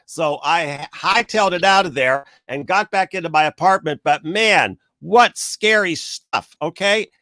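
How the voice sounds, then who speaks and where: High-voiced man ranting, dry sound. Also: unhurried, hardly any pauses, dry recording. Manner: animated storyteller, acts out quoted people, rants. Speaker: vlogger telling a story. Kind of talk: casual rant to camera.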